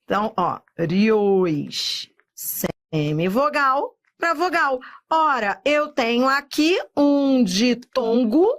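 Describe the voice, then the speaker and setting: Woman teacher, Brazilian Portuguese accent, fairly high voice, unhurried, drawn-out delivery. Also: expressive. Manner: slow, drawn-out spelling of words with frequent checks like "tá?". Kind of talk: recorded exam-prep lesson.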